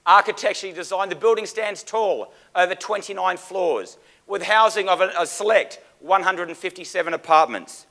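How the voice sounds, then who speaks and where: Speaking as an auctioneer, a man delivers a theatrical sales pitch and calls bids with formal, dramatic emphasis. His voice is high-pitched and sharp, at a moderate pace.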